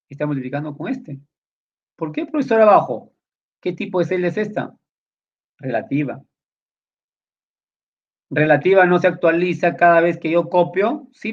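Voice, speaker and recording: A man teaches a recorded spreadsheet class in a voice pitched a little high. He explains lively, often voicing his students' questions before answering them. The sound is dull and lo-fi, from a computer mic.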